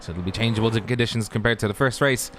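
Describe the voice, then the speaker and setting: A man co-commentates a sim race stream, joking and chatting with the viewers during the live coverage. His lowish, slightly bright voice comes rapid-fire over soft background music.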